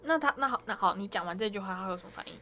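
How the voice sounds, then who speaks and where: A woman's voice: medium pitch, lively intonation, very fast, bright, forceful tone. A woman co-host, chatting on a podcast and asking curious follow-up questions. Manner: curious interviewer, reacts with laughs. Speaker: podcast co-host, music graduate. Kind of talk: casual podcast chat.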